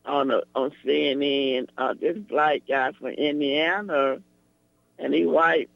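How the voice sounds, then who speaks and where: A man calling in to a radio show over the phone, halting and repeating words as he talks. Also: fairly high pitch, fairly even intonation, gravelly, fairly bright tone, no room sound. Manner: halting, repeats words while searching for them. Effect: voice heard over the phone. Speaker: radio call-in caller. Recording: tinny dry phone line.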